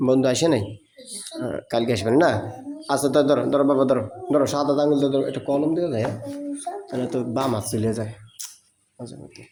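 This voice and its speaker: A man's voice: medium pitch, fast talker, pauses often, crowd noise. A man teaching a child to read, chanting call-and-response drills in a coaxing, teasing way. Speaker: madrasa teacher. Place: classroom.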